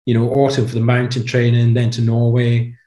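A former commando in his 50s, appearing as a podcast guest, tells chatty, animated stories at a fairly quick clip, peppering them with "you know." His mid-pitched voice comes through a video call webcam in an indoor room with a brick wall, with roomy echo.

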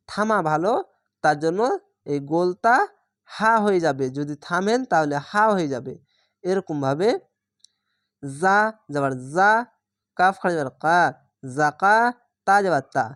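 A woman's voice: fairly low pitch, a little slow, long pauses, no echo. A woman. She spells out each syllable patiently and blends it into the word, drawing out the vowels. The sound is close and dry. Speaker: Quran reading teacher. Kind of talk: slow spelled-out recitation lesson.

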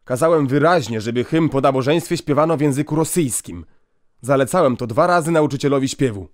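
A man voicing an angry, blustering male Russian school inspector in an audiobook, speaking loudly and commandingly. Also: medium pitch, lively intonation, measured pace, no echo, studio quality, close to an everyday voice. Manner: loud, commanding, indignant.

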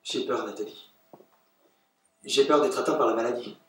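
A man's voice: medium pitch, normal speed, a bit bright, far from the mic, slight background noise, natural voice. A man playing an anxious, earnest, restless man. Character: Simon Labrosse, anxious, restless jobless man. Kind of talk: stage play acting. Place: theatre stage. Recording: very echoey stage from afar.

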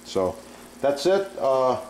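A man's voice: medium pitch, sing-song, takes it slowly, darkish tone. A middle-aged man talks casually through a cooking demonstration in his home kitchen, chatty and enthusiastic, with frequent filler words. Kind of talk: casual cooking demo with product plugs. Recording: sizzling pan noise behind. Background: frying and sizzling in the pan.

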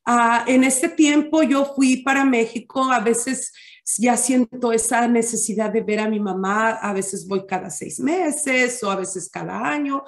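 Slow, echoey woman teaching scripture. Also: a little high. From Mexico. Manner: deliberate, checks in with listeners. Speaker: Bible teacher. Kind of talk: Bible study teaching. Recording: echoey room.

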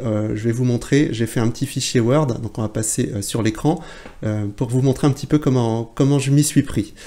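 Here the same kind of speaker, a man in his forties who trains photographers, chats to the camera in a bare indoor space. His mid-range voice stays mellow, and his vlog-style talk keeps stumbling over fillers and fresh starts.

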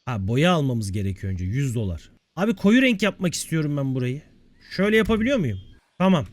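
A man giving casual let's-play commentary, excitable and bantering, cursing at the game as he plays. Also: medium pitch, fairly quick, dry recording. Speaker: gameplay video creator.

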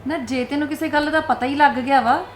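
A woman's voice: high voice, fairly even intonation, a little fast, faint music behind, lightly acted. A middle-aged woman acting a mother who worries for her sister, asking questions in a concerned, protective way. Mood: sharp. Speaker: mother and sister in a family drama. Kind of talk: Punjabi short film acting.

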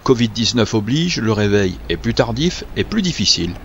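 A man reading a scripted news voice-over in a measured, even manner. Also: on the low side, vocal fry, a little hiss or hum. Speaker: news narrator.

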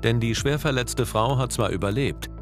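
A man's voice: medium pitch, moderate pace. A man reading scripted narration for a television documentary. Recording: loud music under the voice. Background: background music.

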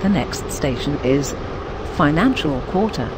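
A voice playing an automated on-board train announcer, giving formal subway-style announcements in measured, segmented phrases. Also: medium pitch, animated, close to an everyday voice. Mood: calm, formal. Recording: noisy train carriage ambience. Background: train and vehicle noise.

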